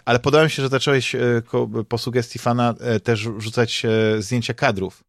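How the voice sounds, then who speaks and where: This podcast host, a Polish-accented man, talks casually about games and comics at a fairly quick pace. His medium-pitched voice keeps a steady tone, captured in studio quality with no room sound. He wanders through his thoughts hesitantly, frequently repeating words as he looks for how to say things.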